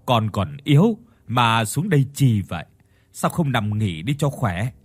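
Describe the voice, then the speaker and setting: A man's voice: mid-range voice, very animated, unhurried, breathy edge. A man voicing an anxious middle-aged mother in a spoken horror story, pleading with her sick son. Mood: worried.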